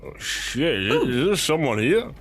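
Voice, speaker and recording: A jumpy male robot with a metallic, mechanical voice, its timbre pulled away from an ordinary speaking tone, as a game master puts it on. Its pitch stays in a plain middle range. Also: sing-song, unhurried, fairly bright tone, soft background music. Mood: startled. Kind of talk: voicing a character in a tabletop game.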